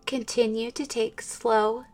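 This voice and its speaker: Soft slow woman guiding meditation. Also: a little high, level tone. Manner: slow, soft, soothing, drifting into whispers. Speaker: meditation guide. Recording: distant mic with soft instrumental music.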